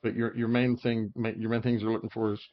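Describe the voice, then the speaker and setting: This fast-talking man has a medium-pitched voice and a flat delivery. As a game guide creator, he rambles casually through character builds with lots of fillers and hiccups. The sound is dull.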